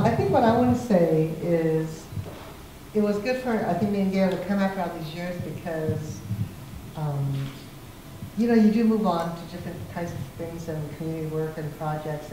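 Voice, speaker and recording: An older woman giving an informal speech at a community forum into a handheld microphone. She talks animatedly, laughs often and restarts her sentences. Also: lowish voice. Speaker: invited speaker at a community forum. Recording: very echoey hall, faint noise.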